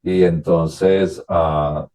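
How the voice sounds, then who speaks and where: A priest from Venezuela, a man, telling his own story as a radio interview guest, recounting past conversations in a halting, reflective way. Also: low-pitched, fairly even intonation, dark tone.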